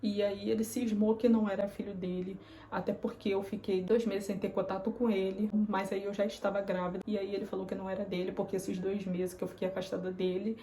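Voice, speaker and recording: A woman's voice: medium pitch, level tone, a little fast, hardly any pauses, warm tone, a little hiss or hum. A young woman vlogger telling a personal story to camera in an earnest, confiding way. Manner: earnest, confiding, acts out remembered dialogue.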